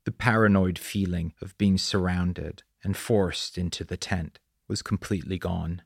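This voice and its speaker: A man reads the story aloud in a very deep voice with a gravelly, husky edge. His delivery is measured and descriptive. The sound is close and dry, with no room around it. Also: steady tone, no room sound. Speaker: audiobook narrator. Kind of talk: scripted audiobook narration.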